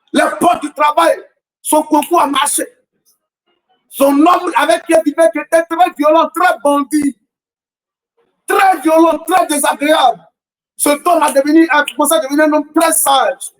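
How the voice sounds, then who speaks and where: Man, prophet preaching, very high voice, shouted rhetorical questions, sing-song cadence, distant from the mic. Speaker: prophet preaching a morning prayer. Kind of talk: sermon.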